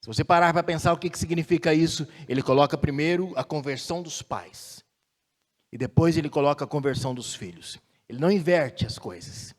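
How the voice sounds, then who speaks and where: A man with a notably high-pitched voice preaches a sermon as pastor. He talks in a measured, deliberate way, stretching out and building force on his key phrases. The sound carries a long reverb, as in a large church hall.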